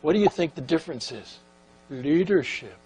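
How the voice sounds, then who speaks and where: A middle-aged man telling a lively anecdote in a lecture, acting out the people he quotes. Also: a little high, normal speed, poor audio. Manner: animated, acts out quoted people. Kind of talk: storytelling lecture.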